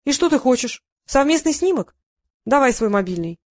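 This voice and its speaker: A woman reading the lines of a sharp, scornful female press secretary in an audiobook. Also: high voice, big pitch swings, normal speed, no room sound, studio quality, voice pushed up. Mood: mocking. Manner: sarcastic and scornful.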